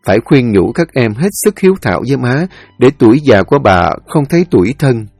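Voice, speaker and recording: Expressive man narrating a story. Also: mid-range voice, brisk, no echo, faint music behind.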